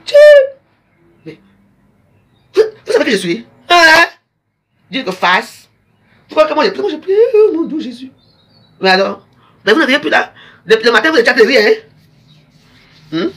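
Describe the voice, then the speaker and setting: A woman's voice: a little high, expressive, normal speed, long pauses, sharp tone, breathy edge. A woman, ranting to her viewers on a live stream in an emphatic, repetitive, lecturing way.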